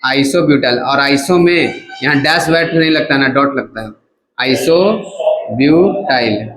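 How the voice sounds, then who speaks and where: A man's voice: medium pitch, moderate pace, a bit bright, slight background noise, poor audio. A male chemistry teacher giving a casual classroom lecture who keeps asking his students to repeat each term back to him. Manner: casual, coaxing teacher talk.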